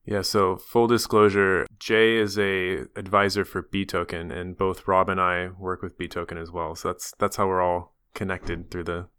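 A man hosting a podcast, speaking in an upbeat, energetic way. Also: sits low, measured pace, few pauses, clean tone, no room sound. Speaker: podcast host.

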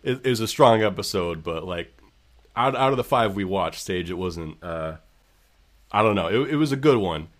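A man's voice: on the low side, animated, moderate pace. A man co-hosting a casual podcast, rambling with hesitant restarts and a wry tone. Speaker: podcast co-host. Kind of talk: casual chat.

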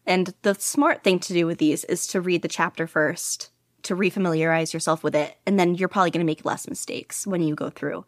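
Casual and chatty, a podfic narrator rambles through her interview in an animated, self-mocking manner, quick to laugh at herself. She speaks on the low side, in a studio-quality recording with no room sound.

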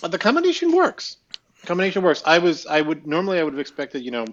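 A man's voice: a little high, wildly swooping pitch, quick pace, lo-fi sound, slight background noise. A man chatting casually as a guest, rambling on at length. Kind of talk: casual chat.

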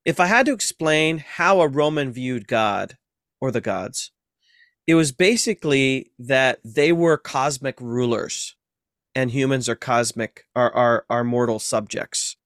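Guy professor on a podcast, explains calmly with everyday examples, middle pitch, dry sound. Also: unhurried, no room sound. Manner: explains patiently with everyday comparisons. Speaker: guest, seminary professor and author. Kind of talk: explanatory interview talk.

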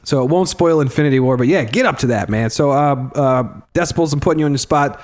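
A man's voice: fairly high pitch, fast, a little mellow. Profane, easygoing male podcast host. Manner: loose and profane, wraps up the show. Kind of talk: casual podcast banter.

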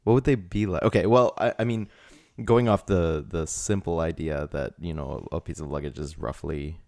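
A man's voice: sits low, moderate pace, a little mellow, no room sound, clean studio sound. A man co-hosting a comedy podcast who rambles through ideas with plenty of fillers and keeps breaking into laughter. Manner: giggly, rambling, full of fillers. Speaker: podcast co-host. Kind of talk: casual comedic chat.

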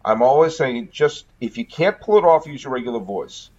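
A man's voice: medium pitch, lively intonation, moderate pace, darkish tone. A New England man with a Northeastern US accent, talking films in a loose, eager way and often restarting sentences. His voice sits mid-range. The podcast audio is slightly dull. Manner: enthusiastic, rambling, many restarts. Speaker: podcast co-host. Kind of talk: casual film discussion.

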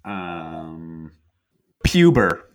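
A man on a comedy podcast panel delivering deadpan one-liners. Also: low voice, very slow. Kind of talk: casual comedy podcast banter.

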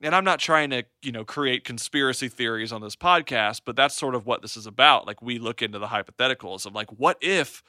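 Very bright-voiced rambling podcast man. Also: mid-range voice, a little fast, few pauses, no room sound, studio quality. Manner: rambling, many fillers and restarts. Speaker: podcast co-host. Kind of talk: casual podcast chat.

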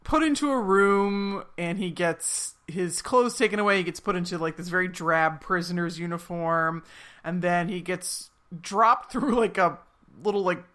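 A woman with a fairly low-pitched voice chats casually as a podcast co-host. She retells a story animatedly, laughing along and peppering her speech with fillers. The delivery is loose and conversational. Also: moderate pace, fairly bright tone. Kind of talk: casual chat recapping a TV episode.

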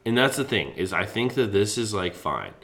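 A young man co-hosting a casual sports podcast, talking in an animated, rambling way and swearing freely. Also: lowish voice, moderate pace. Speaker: podcast co-host.

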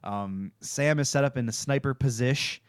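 Smooth-voiced man hosting a casual podcast. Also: mid-range voice, normal speed, dry recording, studio quality. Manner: rambling, swears freely, laughs often. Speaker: podcast host recapping a TV show. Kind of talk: casual chat.

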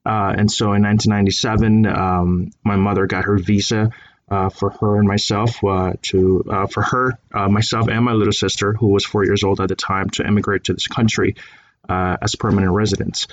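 A man in his thirties from Colombia, talking in a measured interview with many fillers. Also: lowish voice, little pitch movement, a little hiss or hum. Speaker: guest. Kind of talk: conversational interview.

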